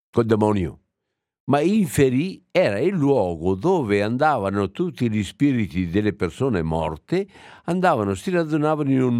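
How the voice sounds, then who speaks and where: A man, a priest, giving a homily and slowly reading an old text aloud, reflective and with small hesitations. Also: lowish voice, darkish tone, no echo, studio quality.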